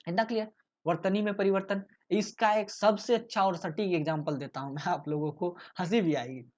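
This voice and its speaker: A man's voice: high voice, normal speed, darkish tone, dull audio. A man giving a casual exam-prep lecture, explaining with rhetorical questions and frequent check-ins. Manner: explains with rhetorical questions, often adds "ठीक है". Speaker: tutor explaining exam topics.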